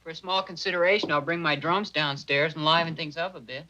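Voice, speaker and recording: An actor playing a wisecracking teenage younger brother in a 1950s sitcom, teasing in a deadpan way. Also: male voice, a little high, a little fast. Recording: dull lo-fi TV soundtrack, loud noise.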